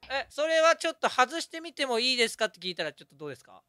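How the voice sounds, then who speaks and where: A man hosting a game stream in an animated, teasing way and laughing often. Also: extremely high pitch, rapid-fire, clear, resonant tone, dry recording. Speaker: host.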